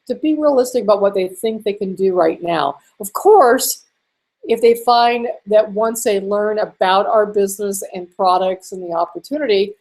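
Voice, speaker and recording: A woman walking through a screen-share marketing tutorial in a chatty way, a little hoarse and clearing her throat now and then. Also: mid-range voice, a little mellow. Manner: chatty, with fillers and small laughs. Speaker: online marketing instructor.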